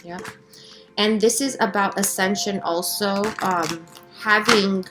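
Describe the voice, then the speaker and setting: Woman, medium pitch, unhurried pace, casual spiritual tarot channeling, halting and reflective, reassuring check-ins, music in the background. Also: fairly even intonation. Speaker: tarot card reader and spiritual guide. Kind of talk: casual spiritual channeling monologue with card reading.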